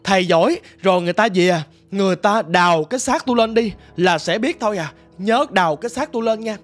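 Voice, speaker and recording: A man voicing the ghost of a chained dead husband, speaking in a hushed, urgent way. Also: high-pitched, fast talker, soft background music, natural voice.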